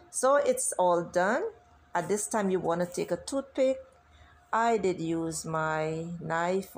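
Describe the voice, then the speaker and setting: A woman with a lowish, gravelly, somewhat mellow voice hosts a cooking channel, guiding viewers through a recipe step by step. Her casual tutorial voice-over is chatty and instructive, with slight background noise.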